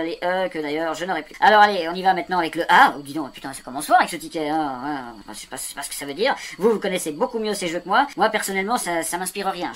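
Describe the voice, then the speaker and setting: A man's voice: sits high, fairly bright tone, slight background noise. A man giving casual running commentary to his viewers as he scratches tickets, rambling and swearing often. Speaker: video creator.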